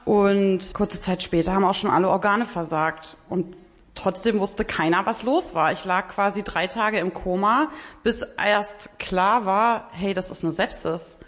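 A young woman speaks in plain, everyday language about something she went through. Her voice sits at a middle pitch. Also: unhurried. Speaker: interviewee. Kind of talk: recounting personal experience.

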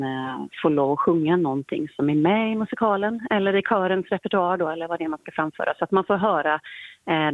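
A woman's voice: deep voice, no echo. A woman singing teacher explaining auditions over the phone, patient and full of small hesitations, seated at a piano. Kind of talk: phone conversation. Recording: tinny phone line.

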